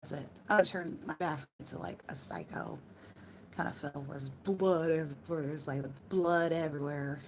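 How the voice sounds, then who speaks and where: A hoarse woman with a worn-out voice chatting casually to her live-stream viewers from home, rambling loosely and swearing now and then. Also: low voice, fairly even intonation, normal speed, a little mellow, a little hiss or hum.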